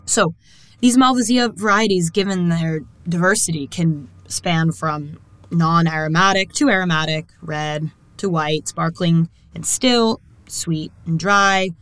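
A woman hosting a podcast with a slightly low voice. She talks in a chatty, friendly way and laughs often as she moves from a prepared segment to a loose conversation. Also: unhurried, a bit bright, no echo, rough recording. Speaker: podcast host. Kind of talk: scripted segment and casual interview.

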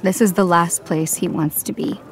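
Actress as a soft-spoken young singer, emotional, faint music underneath. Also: female voice, on the low side, steady tone, moderate pace, lightly acted. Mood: regretful. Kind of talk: audio drama acting.

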